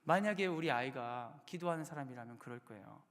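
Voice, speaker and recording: A man in his thirties, a pastor preaching a sermon in a church sanctuary, with sudden loud bursts and hushed low endings. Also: lively intonation, fairly quick. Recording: long hall reverb.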